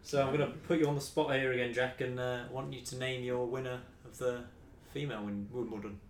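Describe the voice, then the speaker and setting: A man's voice: mid-range voice, flat delivery, fairly quick. A man with an English accent hosting a casual sports podcast, teasing his co-hosts. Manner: teasing, laughs often. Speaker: podcast host. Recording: echoey room with faint noise.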